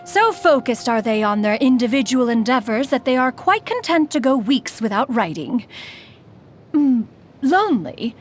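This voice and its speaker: A woman gives voice lines for a video game character, a haughty, eccentric female immortal crane spirit who is also an inventor. She speaks in a formal, archaic way, calls herself "one," and sounds lofty yet teasing. Her voice is fairly high with big pitch swings and a moderate pace, over soft background music.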